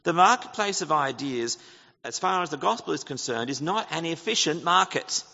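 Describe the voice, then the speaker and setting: A man's voice: a little high, animated, normal speed, gravelly, sharp tone. A man preaching a sermon as pastor, earnest and explanatory, asking his congregation rhetorical questions. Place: church. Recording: church hall reverb, dull lo-fi sound.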